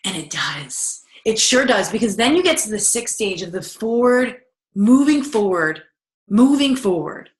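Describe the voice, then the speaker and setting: A woman's voice: medium pitch, very animated, measured pace. A woman coaching in a recorded video lesson, talking casually and acting out the self-talk she describes. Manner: conversational, repeats and acts out inner self-talk. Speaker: personal growth coach. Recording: echoey room.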